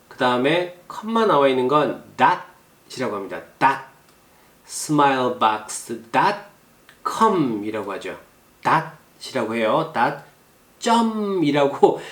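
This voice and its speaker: A man teaching English pronunciation in a recorded video lecture. He says English words slowly and repeats them, then explains quickly and casually. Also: fairly high pitch, reverberant.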